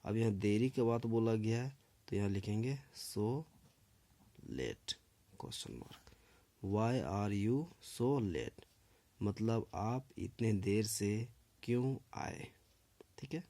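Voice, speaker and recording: Slow, low-voiced man teaching English. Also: lively intonation, dark tone. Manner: slow, deliberate dictation that repeats each phrase; often checks in with "okay". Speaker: English teacher and channel host. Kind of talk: spoken English lesson.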